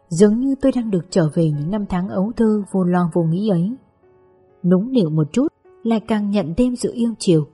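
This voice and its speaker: A woman narrating a first-person audiobook story in a gentle, wistful way. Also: medium pitch, husky.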